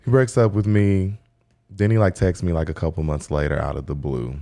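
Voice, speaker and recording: Low gravelly-voiced man telling stories. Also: fairly quick. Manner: animated storytelling, acting out quotes, laughing often. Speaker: hairstylist and podcast co-host. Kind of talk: casual chat.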